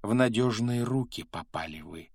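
A man voicing an old, patched, wise magic hat that sings its verses in a slow, rhythmic chant in an audiobook. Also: mid-range voice, a little mellow, no room sound, studio quality, voice pushed up, lightly acted. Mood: solemn. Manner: sung-spoken, slow and rhythmic.

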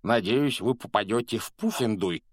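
A man's voice: lowish voice, expressive, normal speed, no room sound, studio quality. A man voicing a jolly, friendly fat friar ghost who speaks in a beaming, cheerful way in an audiobook.

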